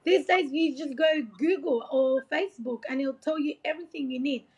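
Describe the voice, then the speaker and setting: At a normal speed, a woman from Iraq with a high, slightly mellow voice talks like a motivational coach in an informal interview. Her delivery is earnest, rambling and encouraging, full of "like" and "you know." Dull, lo-fi audio.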